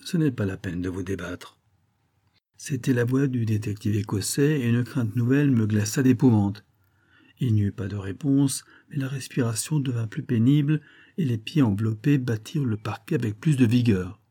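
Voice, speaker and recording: Mellow husky guy reading an old novel aloud, steady pace. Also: medium pitch. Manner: steady, measured storytelling. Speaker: audiobook narrator. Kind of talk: scripted first-person narration of a novel.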